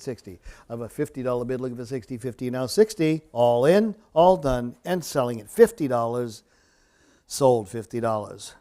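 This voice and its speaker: A man's voice: medium pitch, warm tone. A man working as an auctioneer, calling live bids in a repetitive, rhythmic chant with a casual, folksy way about him.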